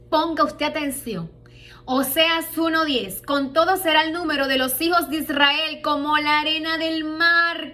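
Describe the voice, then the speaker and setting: A woman's voice: sits high, pushed and bright. A woman preaching a sermon, asking rhetorical questions and reading scripture with emphasis.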